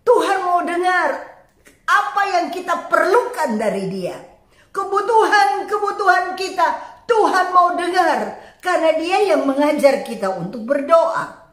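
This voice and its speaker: High-voiced woman preaching slowly, echoey room. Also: lively intonation, fairly bright tone. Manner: earnest, emphatic preaching with dramatic pauses and quoted cries. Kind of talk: sermon.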